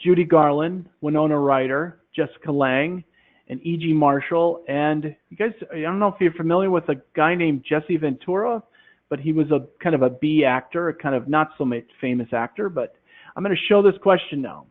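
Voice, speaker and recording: A man demonstrating a classroom quiz game, explaining in a relaxed way with many fillers into a headset. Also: on the high side, normal speed. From Minnesota, USA. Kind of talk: software demonstration talk. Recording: tinny phone-like line.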